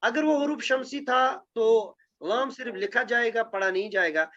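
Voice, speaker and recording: With an extremely high pitch and a crowd audible behind him, a Quranic Arabic grammar teacher runs a classroom lesson with recitation. He explains step by step and checks in with his students repeatedly. The recording is lo-fi and dull.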